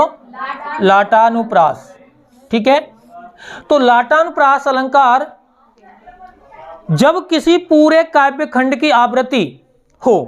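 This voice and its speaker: A woman teacher giving a slow classroom explanation, asking her students questions and answering them herself, repeating key words. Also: high-pitched. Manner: recites verse lines slowly, word by word.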